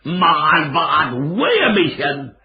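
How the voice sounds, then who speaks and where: Man voicing a gruff gravelly bandit chief. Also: fairly high pitch, very animated, takes it slowly, reverberant, crowd noise. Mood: exasperated. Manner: dramatic, earthy and direct. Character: gruff young bandit chief, troubled but respectful to elders. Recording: dull, lo-fi audio.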